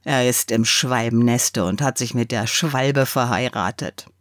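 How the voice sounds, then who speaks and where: A woman's voice: extremely low pitch, a little slow, no room sound, clean studio sound, voice pushed down. Woman voicing a boastful wooden spinning top. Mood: sighing. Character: proud male mahogany spinning top, boastful suitor.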